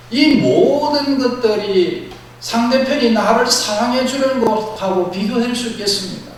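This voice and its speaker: A man preaching a sermon as a pastor with a Gyeongsang accent, plain-spoken and blunt, swinging between loud emphatic bursts and soft low asides. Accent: Gyeongsang Korean. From Gyeongsang region, South Korea. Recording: very echoey hall, mic far off, faint noise.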